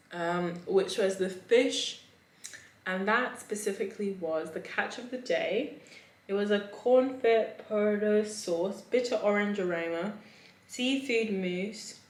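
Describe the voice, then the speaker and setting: A woman's voice: lowish voice, a bit bright. A woman giving a casual, chatty restaurant review with a campy, theatrical manner and exaggerated emphasis on key words. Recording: echoey, roomy voice recording.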